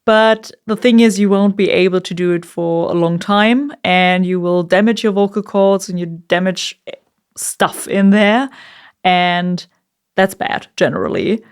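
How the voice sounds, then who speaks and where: Clear-voiced woman giving a casual tutorial. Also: medium pitch, measured pace. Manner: informal, chatty, occasional swearing. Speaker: vocalist giving a screaming tutorial. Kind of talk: casual instructional talk.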